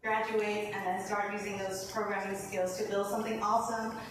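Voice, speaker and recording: A woman's voice: medium pitch, little pitch movement, brisk. Woman from Hong Kong in her thirties, earnest event speech full of ums, echoey hall, distant mic, audible room noise. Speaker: new apprentice giving a speech.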